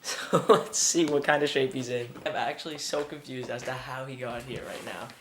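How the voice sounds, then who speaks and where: A man's voice: medium pitch, steady tone, normal speed, echoey room, background noise. A young man chatting to camera from inside his home, upbeat and amused. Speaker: vlogger host. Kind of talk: casual chat to camera. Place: indoors at home by a window. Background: background music.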